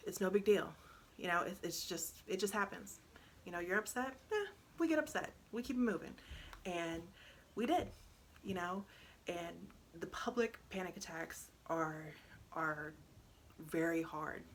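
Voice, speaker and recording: A woman talks casually to the camera about parenting. Her voice sits low with a gravelly fry, earnest and lively when retelling. A faint hiss runs behind her. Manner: earnest, animated when retelling, drops to a hush when describing the panic. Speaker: parent sharing advice.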